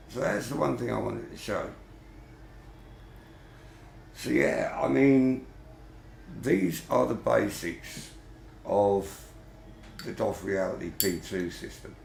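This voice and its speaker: A man's voice: medium pitch, creaky, reverberant, slight background noise. A man giving casual running commentary while gaming, chatty and grumbling, with mild swearing. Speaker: vlogger.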